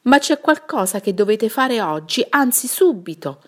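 A cheerful, clever young shepherd from a storybook, played by a woman reading aloud. He sounds confident and modest, with a slightly raised, lively voice. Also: fairly high pitch, unhurried, pitched above the performer's own voice.

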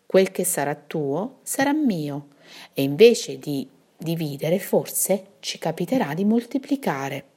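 A woman voicing a strong, brave and generous young knight in a bedtime story, confident and steady. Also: lowish voice, slow pace, breathy edge, full character voice.

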